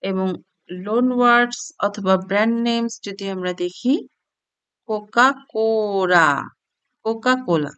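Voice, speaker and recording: A woman's voice: mid-range voice, fairly even intonation, fairly bright tone, no room sound. A woman teaching a language lesson, reading syllables out one by one from a chart. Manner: reads sounds one by one, clear and unhurried.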